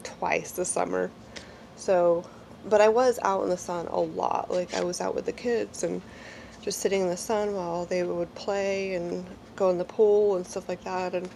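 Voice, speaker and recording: Chatty and rambling, a woman in her forties reviews a beauty product from a small room at home, leaning on lots of fillers. She has a cold, so her fairly low, gravelly, slightly mellow voice sounds congested and a bit nasal. The audio is low quality, with some background noise.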